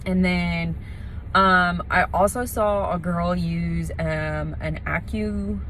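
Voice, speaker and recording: Lower-voiced woman in casual vlog chat. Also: fairly even intonation, slow pace, a bit bright, slight background noise, poor audio. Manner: informal, rambling explanation. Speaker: vlogger preparing for nose surgery.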